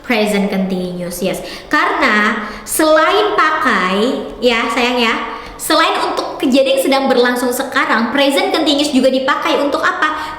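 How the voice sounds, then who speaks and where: A woman's voice: sits high, lively intonation, moderate pace, fairly bright tone. A young woman teaching English grammar, fondly calling her students "dear" and switching between English and her own language as she explains. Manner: affectionate, calls students "sayang". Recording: very echoey room with long reverb.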